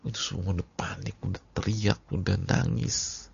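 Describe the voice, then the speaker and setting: A male Islamic preacher, giving a sermon as vivid storytelling that swings from whispers to loud, dramatic outbursts. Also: deep voice, fairly even intonation, moderate pace, gravelly, slight background noise. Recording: dull lo-fi lecture recording.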